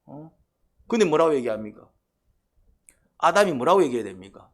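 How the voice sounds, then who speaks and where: A man's voice: a little high, very animated, a little fast. A pastor with a Gyeongsang accent preaching a sermon, full of rhetorical questions and emphatic prodding of his listeners. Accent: Gyeongsang Korean. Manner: colloquial, acts out quotes.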